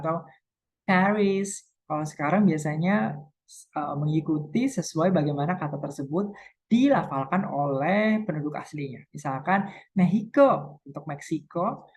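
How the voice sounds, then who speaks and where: A woman lecturer explaining English pronunciation, modeling English words slowly with stress and thinking aloud between points. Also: deep voice, darkish tone, husky. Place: university.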